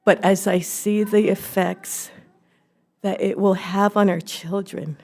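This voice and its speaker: Slow gravelly middle-aged woman testifying. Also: mid-range voice, steady tone, a little mellow. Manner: earnest, halting with restarts. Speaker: testifier at a public hearing. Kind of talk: public testimony. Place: legislative hearing room. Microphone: podium microphone.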